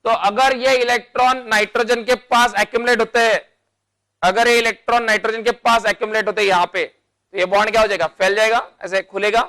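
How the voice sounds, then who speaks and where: A man's voice: sits high, level tone, a little fast, sharp tone. A man teaching a chemistry lecture, explaining step by step and answering his own questions as he goes, with terms. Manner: calls students beta and bhai. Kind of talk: classroom lecture.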